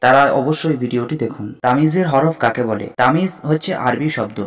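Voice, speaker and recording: A Quran reading teacher gives a slow, deliberate lesson on pronouncing Arabic letters, explaining step by step and repeating each letter name for learners. His mid-range voice is fairly quick, with a breathy edge.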